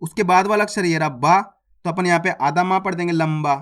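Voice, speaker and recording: A reading teacher who sounds out words syllable by syllable, then says each whole, and checks with viewers that it is clear. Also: mid-range voice, brisk, a bit bright. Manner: addresses viewers as friends, asks if it is clear. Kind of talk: slow word-by-word reading lesson.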